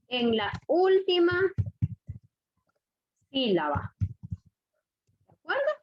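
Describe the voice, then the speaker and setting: A woman teaching a grammar lesson to young students, repeating each rule and checking that the class follows. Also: high-pitched. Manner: slow, deliberate, repeats rules, checks understanding with questions. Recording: dull lo-fi audio.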